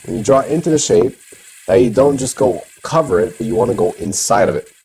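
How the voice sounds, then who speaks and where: A man's voice: medium pitch, animated, brisk, background noise. A man talking through a voice changer, giving a casual step-by-step game tutorial. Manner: plain instructing with filler "you know".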